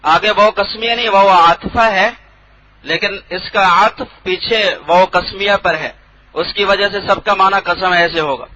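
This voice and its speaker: A high, bright-toned man teaches a Quran translation class in a room with no board. He stops often to quiz the students and says each word again slowly. The recording is dull and lo-fi. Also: slight background noise. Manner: drills students with questions and repeats words slowly.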